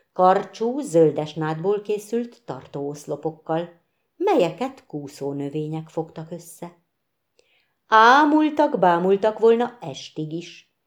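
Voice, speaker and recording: Female storyteller, expressive children's-story narration, lively melody. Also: fairly low pitch. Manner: expressive, gentle, animated.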